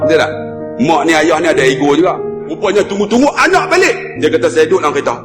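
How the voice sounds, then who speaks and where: High-voiced preacher over loud music. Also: male voice, fast talker. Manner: animated storytelling, acts out voices. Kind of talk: storytelling sermon. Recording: hall reverb under loud music.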